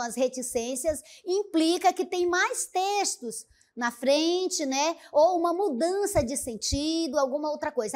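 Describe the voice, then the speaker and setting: A woman teaching a grammar lesson, reading examples aloud with exaggerated intonation and often checking in with the listener. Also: high-pitched. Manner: didactic, checks in with "né?" and "certo?".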